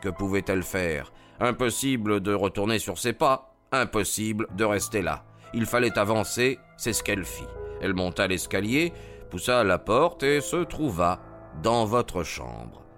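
A man narrating an audiobook in a measured, dramatic way. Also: lowish voice, animated, a bit bright, faint music behind.

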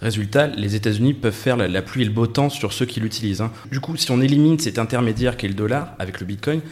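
A man's voice: mid-range voice, fast talker, a little mellow. A man, the interviewer, reading scripted narration and asking questions fluently.

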